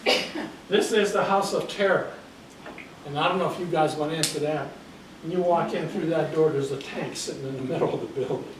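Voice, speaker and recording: A slightly high, brisk male voice with background noise. The older, Hungarian-born guest speaker gives a chatty, informal talk with slides in a library meeting room, often checking in with "okay?", recorded in an echoey room far from the mic.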